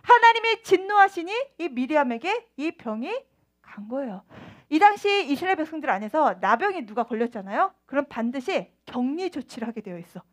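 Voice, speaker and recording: High, lively woman preaching to kids. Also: fairly quick. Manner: lively, quizzing the children and acting out scenes. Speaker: children's ministry preacher. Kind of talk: sermon for children.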